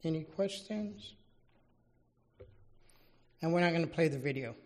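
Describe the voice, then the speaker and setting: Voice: medium pitch, animated, a little slow, darkish tone. A fire chief giving an informal, matter-of-fact presentation at a public council meeting.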